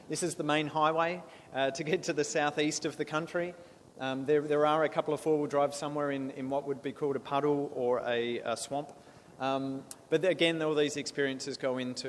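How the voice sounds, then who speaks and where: An Australian man from South Australia in his thirties, giving an earnest talk to a club with frequent restarts and fillers. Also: medium pitch. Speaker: guest speaker. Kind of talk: presentation to a club. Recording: echoey hall with faint noise.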